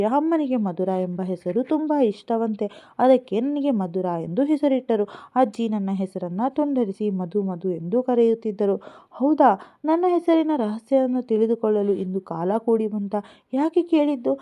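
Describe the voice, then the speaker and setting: A woman's voice: on the high side, expressive, moderate pace, close to an everyday voice. A woman voicing a remorseful young wife who pleads for forgiveness through sobbing apologies. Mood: gentle. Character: remorseful young wife, tearful and self-blaming. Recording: tinny phone-like sound.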